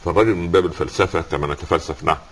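Man, Egyptian accent, Islamic scholar, very low voice, fast, rhetorical questions. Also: fairly bright tone, slightly rough. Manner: rhetorical questions, quotes scripture. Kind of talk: religious talk with storytelling.

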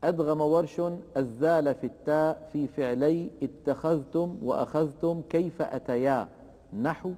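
A male Quran teacher explains recitation rules slowly and with care. His voice sits a little high but sounds mellow and warm. He stops to chant each verse example in a long, drawn-out way, and a long reverb follows every word. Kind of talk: tajweed lesson with recited examples.

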